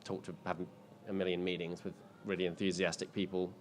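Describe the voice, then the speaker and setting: In a casual panel Q&A at an indoor screening event, a thirtysomething filmmaker gives rambling answers to the audience, heavy on ums and restarts. His low-pitched voice holds a level tone and goes a little fast, with a little hiss or hum behind it.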